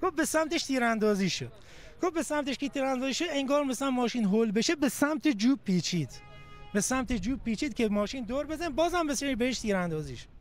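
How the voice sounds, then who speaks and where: A man's voice: extremely high pitch, expressive, soft background music. A man, a security officer, giving a colloquial eyewitness account. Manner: colloquial, relays a colleague's words.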